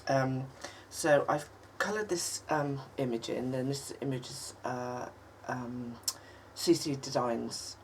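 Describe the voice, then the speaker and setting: A craft channel host with a low, rumbling voice, made husky and croaky by a lingering cold, talks through a crafting project in a casual tutorial. She rambles and halts, says um often, and coughs now and then. The mic is a little distant, leaving faint noise and a soft hiss underneath.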